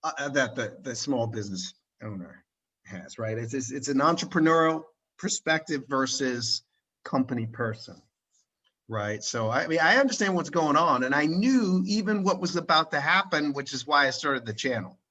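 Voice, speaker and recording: Bright-voiced man hosting a rambling interview. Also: medium pitch, expressive, moderate pace, rough recording. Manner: rambling, many restarts and tag questions. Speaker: interviewer and channel host. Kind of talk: casual conversational interview. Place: at home in Switzerland, recorded over a video call.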